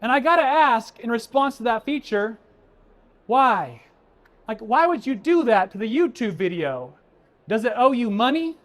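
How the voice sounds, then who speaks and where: A man's voice: very high-pitched, lively intonation, moderate pace, fairly bright tone. A man giving a keynote at a conference, emphatic and conversational, talking straight to the audience. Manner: punchy, conversational, addresses the audience as folks. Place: conference stage before an audience.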